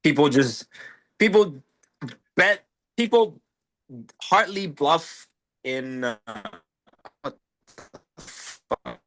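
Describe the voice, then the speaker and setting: A man's voice: fairly high pitch, expressive, very slow, pauses often, a bit bright, rough recording. A man talking poker strategy in a casual group call, his connection breaking up and dropping out as he restarts his sentences. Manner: restarts sentences as the line cuts out. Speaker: poker study group member. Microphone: online voice call.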